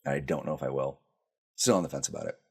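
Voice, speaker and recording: A man's voice: very deep voice, sing-song, fast talker, creaky, darkish tone, slightly rough. A man reviewing horror films in casual speech, blunt and sarcastic, with frequent ums and restarts. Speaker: film reviewer. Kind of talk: casual spoken movie reviews.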